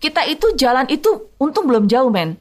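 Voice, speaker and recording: Animated woman. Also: a little fast. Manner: animated, acts out quoted voices with big pitch jumps. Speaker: reporter recounting a field story. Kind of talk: casual storytelling in a conversation.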